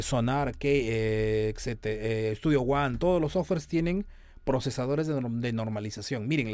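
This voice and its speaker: A man's voice: medium pitch, darkish tone, dry recording. A man teaching a class on audio processing. He talks through each step and keeps asking the students whether they are still with him. The recording is dry and close. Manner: explanatory, asks students if they follow. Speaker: audio production lecturer. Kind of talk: online class demonstration.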